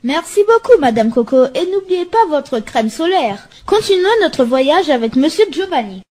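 A jaunty radio studio host, played by a woman in an amateur skit. He links the reports with cheerful announcer patter, in a high voice. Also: very animated, moderate pace, warm tone.

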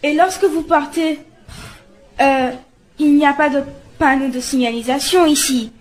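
A woman's voice: sits high, measured pace. A woman playing a frozen field reporter. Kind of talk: amateur radio-skit acting.

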